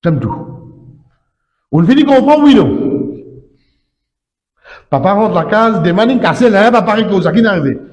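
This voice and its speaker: A man's voice: high voice, very animated, a little slow, long pauses, darkish tone. A man giving an Islamic sermon as imam, emphatic and repetitive, with frequent tag words. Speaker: imam preacher. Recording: echoey hall with long reverb.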